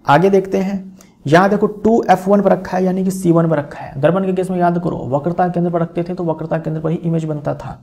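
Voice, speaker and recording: A man's voice: high voice, fairly even intonation, brisk, vocal fry, darkish tone. A male teacher explaining a physics lesson, repeating key phrases and checking in with his students as he goes.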